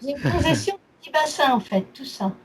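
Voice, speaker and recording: A high, very animated female voice moves along a little fast, with faint background noise. As a therapy client in a relaxed consultation, she lists her health issues point by point in short, clipped phrasing.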